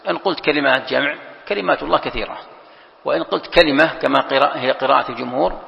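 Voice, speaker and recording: A man's voice: mid-range voice, rapid-fire, gravelly. A man, a sheikh teaching Quran exegesis to a class, explaining patiently, repeating key phrases and quizzing his students. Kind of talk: classroom lecture. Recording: lo-fi lecture recording with long hall reverb.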